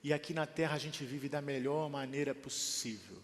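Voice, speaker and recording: A man with a Brazilian Portuguese accent preaching a sermon as pastor, building to emphatic, animated delivery. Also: medium pitch, normal speed, big-room sound. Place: church hall.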